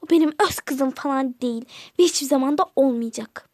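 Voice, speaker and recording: A woman's voice: extremely high pitch, moderate pace, no echo. A woman voicing a cold, harsh mother in a toy game role-play, snapping and dismissive. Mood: scornful.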